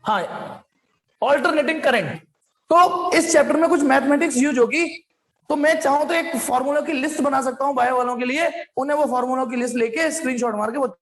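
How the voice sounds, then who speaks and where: High-voiced man teaching a physics class. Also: fairly bright tone. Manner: addresses students directly, stops to ask them questions; repeats points over and over. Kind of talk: online class lecture.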